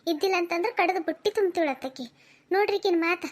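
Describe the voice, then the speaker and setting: A woman with a North Karnataka Kannada accent voicing an angry middle-aged mother who defends her widowed daughter with sharp rhetorical questions. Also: extremely high pitch, fast talker. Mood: indignant. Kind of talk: cartoon voice acting.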